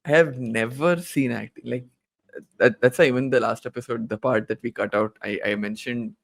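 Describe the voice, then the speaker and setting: A man's voice: medium pitch, fairly even intonation, normal speed, creaky, dry recording. A man co-hosting a film podcast in casual discussion, hedging with restarts and tag questions like "right?". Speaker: podcast co-host.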